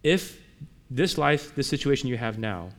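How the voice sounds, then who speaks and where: A male pastor delivering a sermon at a middle pitch. He talks to the congregation like a conversation, with frequent rhetorical questions. His delivery swings between emphatic pushes and softer, quieter passages. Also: expressive, normal speed.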